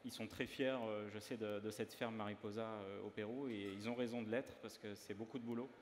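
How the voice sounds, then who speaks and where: A pastry chef from northern France talks through a dessert demo, hesitant and full of filler sounds. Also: male voice, lowish voice, fairly even intonation, a little fast. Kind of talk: live demo interview. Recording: reverberant hall, faint ambient noise.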